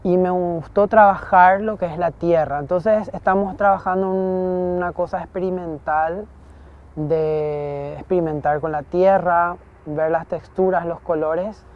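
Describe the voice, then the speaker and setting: A man's voice: high-pitched, fairly even intonation, measured pace. Paraguayan man explaining, slightly dull sound. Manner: explanatory, with frequent fillers. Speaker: workshop artist. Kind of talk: documentary interview.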